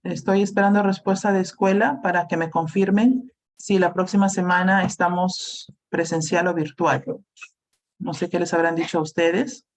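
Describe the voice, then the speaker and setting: Speaking at normal speed in a steady, lowish voice, a woman lectures her university clinical lab class over video. She explains plainly and keeps checking in, peppering her talk with "¿no?", "¿sí?" and "este".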